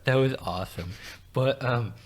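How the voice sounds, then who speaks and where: A man's voice: medium pitch, normal speed. A man co-hosting a podcast, chatting casually and laughing often as he tells stories. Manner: laughs often, animated storytelling. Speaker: podcast co-host. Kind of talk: casual chat.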